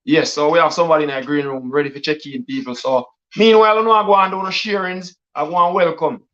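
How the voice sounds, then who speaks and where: A man with a Jamaican accent hosting a casual live stream as a DJ. He speaks in a patois-laced, repetitive hype style full of shout-outs. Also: fairly high pitch, quick pace. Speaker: DJ and livestream host. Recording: dull lo-fi stream audio.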